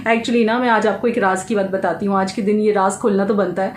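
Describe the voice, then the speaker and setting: Excited woman vlogging in an echoey room. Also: medium pitch, brisk. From India. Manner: excited, emotional, chatty, mixes in English phrases. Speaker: daily vlogger. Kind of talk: casual vlog talk to camera. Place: at home. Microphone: handheld vlogging camera. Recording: echoey room with faint noise.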